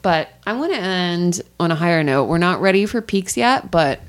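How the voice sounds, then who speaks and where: A woman co-hosting a podcast in casual chat, blunt and quick to swear. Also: on the low side, animated. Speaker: podcast co-host.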